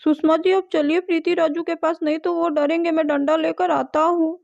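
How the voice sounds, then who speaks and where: Lady doing a steady dad in a doll cartoon, high voice, dull dry sound. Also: moderate pace, vocal fry, no room sound. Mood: steady, reassuring. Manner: reassuring, firm with the snake. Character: calm protective father of two. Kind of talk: doll story voice acting. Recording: dull dry home recording.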